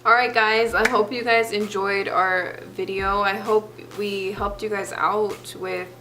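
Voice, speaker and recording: A woman's voice: mid-range voice, little pitch movement, measured pace, sharp tone, slight background noise. A woman co-hosting a beauty vlog, chatting casually and chipper as she wraps up. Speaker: beauty vlogger co-host. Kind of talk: casual chat.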